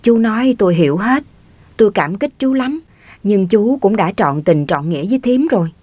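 A woman reading a story aloud as an audiobook narrator, in an even, plain way. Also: medium pitch, moderate pace, no room sound.

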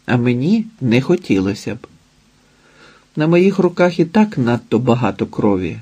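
A man's voice: medium pitch, sing-song, normal speed, warm tone, husky, muffled recording. A man voicing a stern, weary immortal woman who owns the house, in an audiobook. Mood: grave. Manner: commanding, grave.

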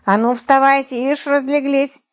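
A woman reading an audiobook voices a plump, indignant housewife who scolds in shrill outbursts. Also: level tone, normal speed, lightly acted.

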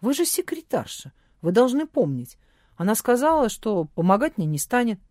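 Narrator doing a cold haughty secretary lady, curt and suspicious, lower and slower, dry sound. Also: very animated, mellow, no room sound.

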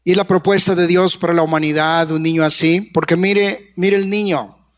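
A man preaching a sermon as pastor, passionate, swinging from hushed to loud, coaxing the congregation with questions. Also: sits high, steady tone, moderate pace. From Colombia.

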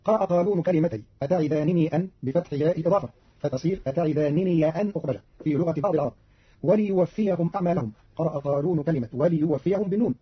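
A man giving scripted explanatory narration in a brisk, formal reading voice. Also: a little high, husky. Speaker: radio presenter. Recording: dull lo-fi archival radio recording.

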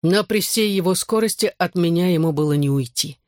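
A man's voice: sits high, fairly quick, a little mellow, no echo, studio quality. A man narrating a first-person novel as an audiobook, in a terse, intense manner.

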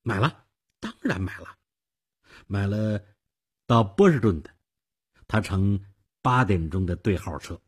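A man with a husky voice voicing an arrogant, long-haired young male ticket clerk in a radio story reading. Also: lowish voice, lively intonation, unhurried, long pauses, heavily acted. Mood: eager. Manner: cocky, then stammering when frightened.

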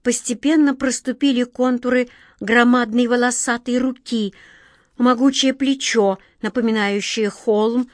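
Expressive woman reading a storybook. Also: fairly high pitch, a little slow, no echo, studio quality. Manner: expressive, puts on voices for the characters. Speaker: audiobook narrator. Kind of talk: scripted storybook narration.

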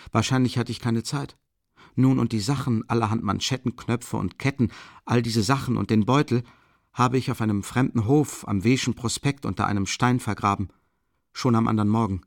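A man's voice: medium pitch, no echo, studio quality, close to an everyday voice. A man reading an audiobook voices a tormented young man, agitated, musing half aloud with bitter mockery.

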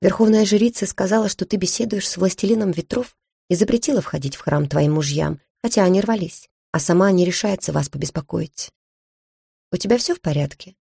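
A woman voicing a gentle, sad young man in love who speaks softly and with sympathy. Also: lowish voice, brisk, creaky, husky, dry recording, clean studio sound. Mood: concerned.

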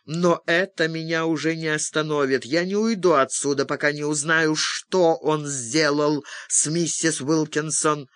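Man doing a scary low-voiced agent, slow, hissing through his teeth. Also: steady tone, a bit bright, no room sound. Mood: menacing. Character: grim hot-tempered male agent, threatening.

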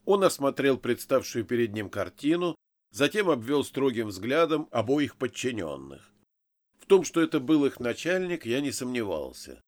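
Expressive male audiobook narrator. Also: medium pitch, moderate pace. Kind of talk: first-person audiobook narration.

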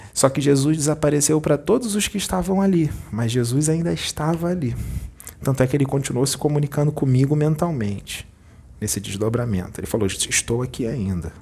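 A spiritual medium, a man, recounting a vision to his audience in an animated, repetitive storytelling manner. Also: a little high, brisk, gravelly, slightly rough. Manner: animated storyteller, repeats himself.

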